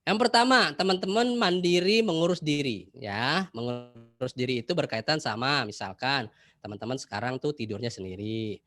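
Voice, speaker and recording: A man giving an online class talk to schoolchildren, lively and addressing them directly over a video call. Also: medium pitch, moderate pace. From Jakarta. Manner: lively, addresses children directly, acts out examples. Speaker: presenter for schoolchildren.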